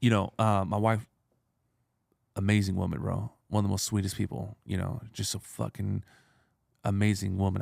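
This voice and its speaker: Gravelly, blunt man telling stories. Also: fairly low pitch, darkish tone, no room sound, clean studio sound. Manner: blunt, profane, streetwise slang. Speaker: entrepreneur guest. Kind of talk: casual storytelling.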